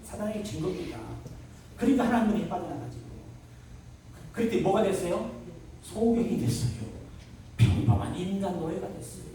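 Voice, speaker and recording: Middle-aged male pastor, revival sermon, jokes and shouts, roomy church hall sound. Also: high-pitched, a little fast, a little hiss or hum. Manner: animated, joking, shouts mid-sermon. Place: large church sanctuary. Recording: very echoey church hall from far off.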